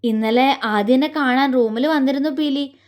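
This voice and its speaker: Female narrator doing a calm young man, soft and reassuring, in a higher voice. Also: normal speed, natural voice. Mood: soothing. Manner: soothing, reassuring. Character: gentle young man comforting his sister.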